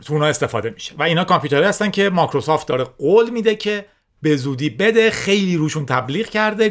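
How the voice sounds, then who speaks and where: A man's voice: fairly high pitch, fairly bright tone. A man from Iran hosting his own tech news podcast, talking casually and wandering off on side remarks while correcting himself as he goes. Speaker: podcast host.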